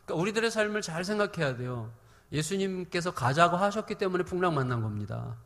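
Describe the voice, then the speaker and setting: Animated preacher in a reverberant hall. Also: male voice, sits high, fast. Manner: animated, acts out quoted voices with humor. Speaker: pastor. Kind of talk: sermon.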